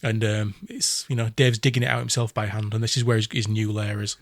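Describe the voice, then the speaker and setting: A man's voice: on the low side, level tone, brisk, no room sound, clean studio sound. A man co-hosting a podcast in casual, joking chat. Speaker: podcast host.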